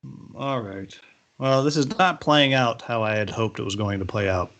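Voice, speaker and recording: A man's voice: mid-range voice, normal speed, a bit bright. A man playing a board game with friends, teasing them and counting his moves aloud. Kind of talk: casual game-night chat.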